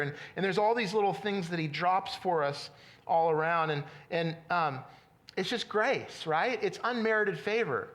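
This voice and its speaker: A middle-aged male pastor delivers a sermon in a loose, conversational way. He often repeats words and restarts his sentences as he talks, and his voice sits a little higher than most men's. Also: fairly bright tone.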